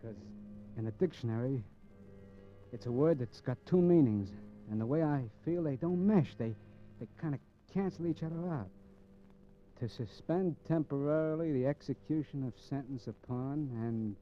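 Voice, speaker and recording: Speaking from death row, a brooding small-time gangster in a mid-century American radio crime play comes across as bitter and confused. The actor uses his natural, medium-pitched male voice, halting through slangy tough-guy lines and repeating words. The recording is muffled and old, with music.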